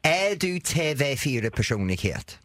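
Guy radio host, kinda high voice, bouncy and teasing, studio mic. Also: no room sound. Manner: teasing, excitable, quick back-and-forth. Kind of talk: playful radio banter.

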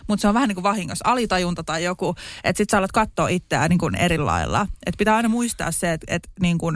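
A woman's voice: lowish voice, big pitch swings, no echo, studio quality. Chatty woman co-host. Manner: chatty, with many fillers and a quick laugh. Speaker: podcast co-host. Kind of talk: casual chat.

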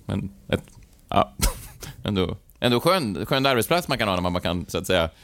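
Low-voiced, joking man hosting a podcast. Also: sing-song, gravelly, a bit bright, no echo, studio quality. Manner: laughs often, jokey and self-mocking. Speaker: podcast host. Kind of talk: casual podcast chat. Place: studio in Stockholm.

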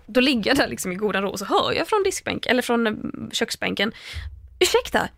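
A woman co-hosting a podcast, blunt and quick to react, swearing casually. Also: on the high side, big pitch swings, creaky, a bit bright, no echo. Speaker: podcast co-host. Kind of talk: casual chat.

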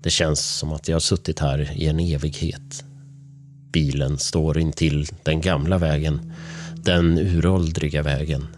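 A man reading a first-person horror story in a hushed, tense, measured way. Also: very deep voice, little pitch movement. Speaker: narrator.

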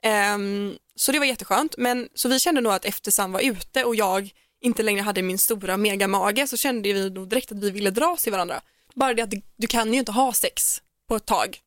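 A young woman co-hosting a podcast, telling a personal story in animated, quick casual chat and acting out what people said. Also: medium pitch, no room sound, clean studio sound. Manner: animated, fast storytelling with acted-out quotes and laughter. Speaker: podcast co-host.

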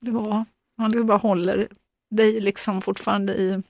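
A woman's voice: medium pitch, level tone, creaky, a little mellow, no echo. Middle-aged woman telling a hard story, keeps restarting, dry close sound. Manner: halting, many fillers and restarts. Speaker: guest, mother. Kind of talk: emotional personal account.

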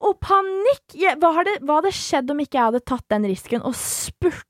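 A woman's voice: high voice, no echo, clean studio sound. Young woman telling a wild anecdote. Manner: animated, swears, acts out quoted voices.

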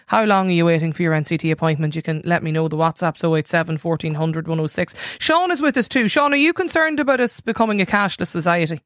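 A woman's voice: lowish voice, animated, fast, few pauses, no room sound, clean studio sound. A woman with an Irish accent hosting a live radio phone-in in a conversational way. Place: radio studio.

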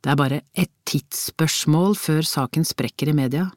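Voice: medium pitch, darkish tone, no echo, studio quality, natural voice. A reader voicing a busy, practical police colleague in an audiobook, talking in a businesslike, matter-of-fact way. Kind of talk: audiobook character reading.

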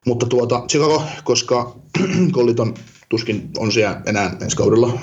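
A man co-hosting a casual podcast chat, rambling and thinking aloud with lots of fillers. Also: mid-range voice. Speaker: podcast co-host. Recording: dull lo-fi sound.

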